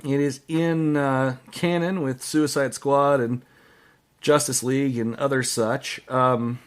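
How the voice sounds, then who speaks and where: Slow, halting man reviewing movies. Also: medium pitch, steady tone. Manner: halting, with frequent restarts and trailing phrases. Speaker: podcast host.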